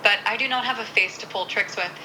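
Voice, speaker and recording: This is a robot assistant speaking in a synthetic woman's voice, bright and crisp in tone. It answers politely with small jokes, keeping a smooth, even delivery throughout. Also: medium pitch, fast, a little hiss or hum, poor audio. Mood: playful. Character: female-voiced desk robot assistant, friendly and chatty. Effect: synthetic text-to-speech robot assistant voice. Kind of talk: device voice assistant replies.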